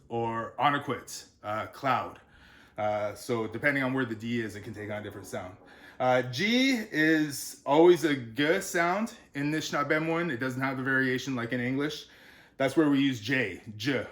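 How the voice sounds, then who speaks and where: Man sounding out words slowly. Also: mid-range voice. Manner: relaxed, explanatory, with frequent fillers. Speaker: author. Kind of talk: unscripted pronunciation lesson.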